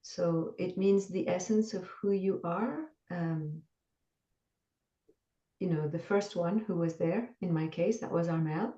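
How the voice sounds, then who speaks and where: A woman from France with a French accent, calmly and earnestly explaining her spiritual experience as an interview guest. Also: lowish voice, a little slow. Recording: dull distant roomy call audio.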